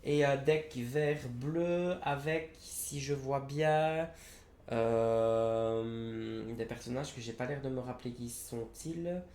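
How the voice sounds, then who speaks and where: Speaking slowly in a mellow mid-range voice, a young man talks through trading card game products. His review is laid-back and unsure, full of fillers and self-corrections, recorded with roomy echo and faint background noise.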